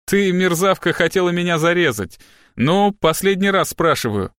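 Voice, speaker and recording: A male audiobook reader playing a gruff private detective who talks in a blunt, growling, threatening way. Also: high voice, lively intonation, moderate pace, fairly bright tone, no echo, studio quality, pitched above the performer's own voice. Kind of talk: audiobook character reading.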